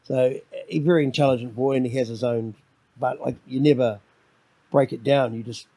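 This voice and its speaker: There's no echo on this clip of a middle-aged New Zealand man guesting on a podcast in relaxed conversation. His loud, domineering voice rambles and repeats starting words, with medium pitch, fairly even intonation, and a moderate pace.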